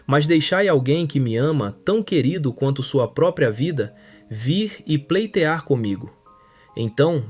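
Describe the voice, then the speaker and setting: A man's voice: mid-range voice, a little mellow. Solemn man reading a sermon. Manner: solemn, measured preaching delivery. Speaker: sermon narrator.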